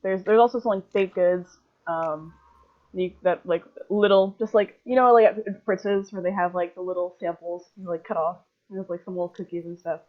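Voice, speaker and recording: A woman's voice: lowish voice, fairly even intonation, normal speed. Woman game master, chatty and rambling, casual narration on a dull lo-fi call line. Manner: rambling, heavy on filler words.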